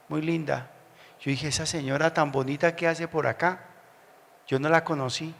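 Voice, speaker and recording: A man from Colombia with a Bogotá accent, preaching a sermon as a pastor, telling stories slowly and building up to loud preaching. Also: fairly high pitch. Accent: Bogotá Spanish. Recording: long hall reverb.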